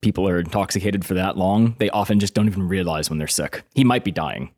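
A man's voice: low-pitched, fast talker, a little mellow. A man chatting casually as a player in a tabletop game.

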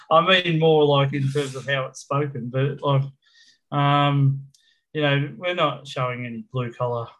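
A man's voice: medium pitch, a little slow, a bit bright. A middle-aged Australian man chatting casually about football as a fan co-host, talking in a blokey, slangy manner like an Aussie tradesman. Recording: dull lo-fi voice channel.

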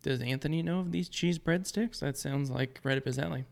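A man's voice: on the high side, brisk, creaky, a little mellow. A man co-hosting a podcast in casual chat, answering with short, dry, teasing remarks. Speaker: podcast co-host.

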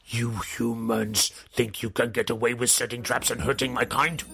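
A man voicing a grumpy, vengeful male badger villain who talks in slow threats. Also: mid-range voice, level tone, vocal fry, bright, forceful tone, breathy edge, full character voice.

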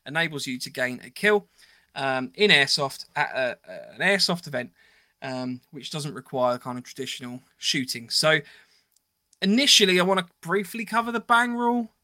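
A man's voice: on the high side, bright, forceful tone, no room sound. A man co-hosting a podcast, chatting casually and rambling a little, with plenty of ums. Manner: laid-back, rambling with many ums. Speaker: podcast co-host. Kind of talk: casual chat.

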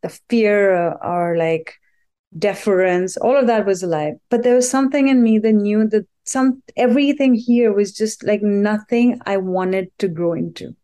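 A woman from India shares her life story as a guest, speaking earnestly and reflectively. Her voice is soft and mellow, at a middling pitch, and her speech is full of "like" fillers. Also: normal speed.

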